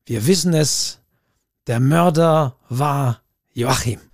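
A man co-hosting a chat podcast, explaining slowly and deliberately and speaking to listeners directly. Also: mid-range voice, creaky, dry recording, studio quality. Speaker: podcast co-host. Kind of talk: casual chat.

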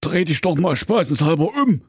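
A man's voice: on the high side, big pitch swings, normal speed, slightly rough, dry recording, studio quality, pitched above the performer's own voice. Storybook parody: nervous, blustering male wolf, voiced by a man a few notes above his own. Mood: whiny. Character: cowardly, whiny big bad male wolf.

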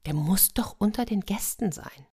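A woman's voice: medium pitch, lively intonation, normal speed, dark tone, slightly rough, voice pushed up. A woman voicing a determined young tsar's daughter in a storybook tale, speaking earnestly.

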